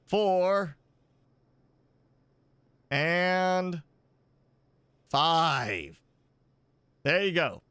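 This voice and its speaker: A man's voice: fairly high pitch, sing-song, very slow, long pauses, sharp tone, clean tone, no echo. Chuckly man rambling over gameplay. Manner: rambling and chuckling, thinking aloud. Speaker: gaming channel host. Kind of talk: casual live gameplay commentary. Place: indoors at home with a pet dog.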